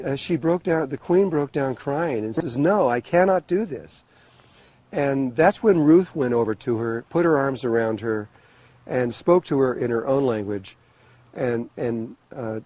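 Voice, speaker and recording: A man telling a long personal story in a rambling, animated way, with many restarts. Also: medium pitch, husky, no room sound, low-quality recording. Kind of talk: storytelling talk.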